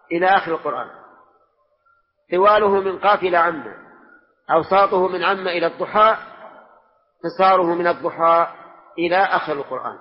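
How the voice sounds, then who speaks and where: High-voiced man teaching in echoing mosque. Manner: quizzes students and presses them for answers. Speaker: religious scholar teaching a lesson. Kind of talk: question-and-answer religious lesson. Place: large mosque hall. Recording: dull lo-fi recording with long hall reverb.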